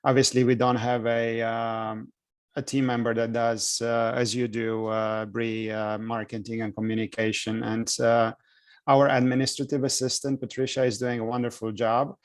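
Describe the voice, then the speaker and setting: A man speaks on a video call in a flat, even voice with a dry, close sound. He is polite and halting, stopping often on fillers. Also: medium pitch, dry recording. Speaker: soccer club director.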